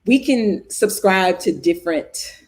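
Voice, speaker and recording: A woman co-hosting a casual chat podcast, animated and colloquial, often restarting her sentences. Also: medium pitch, slow. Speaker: podcast co-host.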